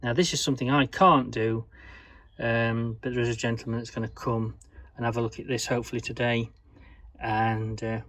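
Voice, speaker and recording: A man giving a casual, rambling video tour of his boat, filmed indoors on a handheld camera. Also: mid-range voice. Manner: chatty, rambling, with fillers. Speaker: vlogger showing his boat. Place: narrowboat cabin, indoors.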